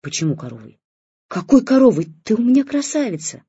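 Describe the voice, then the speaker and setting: Doting new father, anxious and cooing, read by the audiobook narrator, mellow tone, husky edge. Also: mid-range voice, very animated, fairly quick, no room sound, voice pushed up, heavily acted. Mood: pleading. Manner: cooing, soft and fussing. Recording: dull lo-fi recording.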